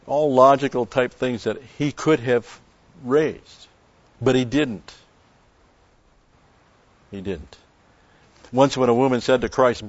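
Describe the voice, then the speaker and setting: A man preaching a sermon in a measured way, with emphatic stresses. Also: mid-range voice, no echo, muffled recording. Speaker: pastor.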